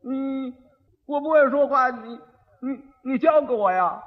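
A man playing a slow-witted young husband who stutters, repeats himself and mumbles, on an old dull recording with long reverb. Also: very high voice, pitched above the performer's own voice. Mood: stammering dim.

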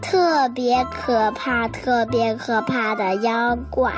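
A woman's voice: on the high side, fairly even intonation, slow, recorded from a distance. A woman voicing a chubby, sweet-toothed little male monster who gets upset and tearful easily, over children's music. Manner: whiny, tearful when crossed.

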